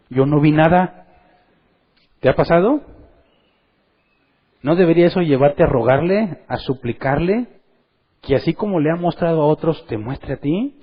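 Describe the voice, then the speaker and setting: A man preaching a sermon in church, lively, and acting out the voices of the people he quotes. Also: medium pitch, breathy edge, lo-fi sound. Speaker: pastor.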